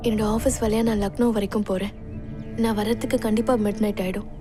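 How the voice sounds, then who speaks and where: A woman's voice: medium pitch, little pitch movement, fast talker, music in the background, lightly acted. An actress dubbing a concerned woman who earnestly helps in the search and urges the hero on. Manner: earnest, urging. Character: concerned, helpful young woman friend. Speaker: dubbing actor. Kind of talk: dubbed film acting.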